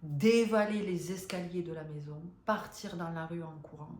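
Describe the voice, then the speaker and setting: Woman, 50s, low voice, halting confiding storyteller, echoey room. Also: fairly even intonation, a little mellow, slight background noise. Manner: hesitant, many fillers and restarts; emotional, confiding. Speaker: spiritual vlogger. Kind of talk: personal storytelling to viewers. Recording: roomy echo.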